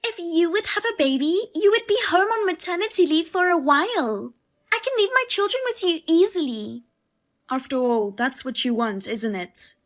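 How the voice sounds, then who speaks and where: A woman voicing a pushy, scornful sister-in-law who talks in a sharp, demanding and insulting way. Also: very high voice, animated, moderate pace.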